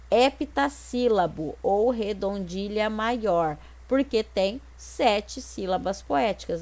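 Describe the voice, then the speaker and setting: A Brazilian woman teacher explaining exercises step by step in an online lesson, with frequent tag questions to check that her students follow. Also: mid-range voice. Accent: Brazilian Portuguese. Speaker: Portuguese teacher.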